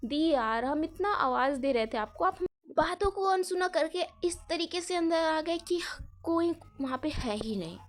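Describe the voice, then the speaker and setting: A woman's voice: very high voice, expressive, moderate pace. A woman voicing a pleading, slightly whiny teenage younger sister in a read-aloud story.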